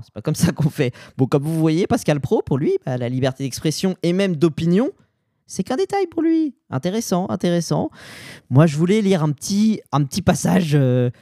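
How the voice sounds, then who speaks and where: Sarcastic, animated male podcaster. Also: high voice, no room sound, studio quality. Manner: sarcastic, animated, hesitant fillers. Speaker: podcast host. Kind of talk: opinionated commentary podcast.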